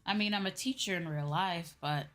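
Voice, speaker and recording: Speaking at a normal speed in a lowish, fairly bright voice, a woman streamer chats casually with viewers as a VTuber host. She answers questions informally, tends to repeat herself, and often asks "right?". Faint background music accompanies her.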